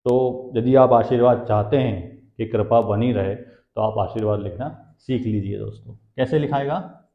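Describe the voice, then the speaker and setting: A man's voice: mid-range voice, measured pace. A man teaching Hindi grammar for exam prep, who asks questions and answers them himself and repeats the key terms. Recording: dull, echoey classroom sound.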